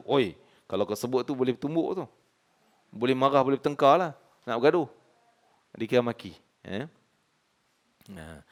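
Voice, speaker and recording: A man in his forties with a Malaysian Malay accent, teaching a hadith study class in a conversational way, often asking the audience "kan?". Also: mid-range voice. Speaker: religious teacher.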